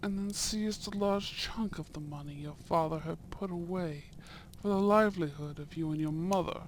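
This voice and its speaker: A man takes the role of a courteous, shrewd young viscount from the Edwardian period in a romantic audio roleplay, lightly acted, with formal, deliberate phrasing and soft murmurs. His voice leans high and his tone is grave and disapproving, with slight background noise.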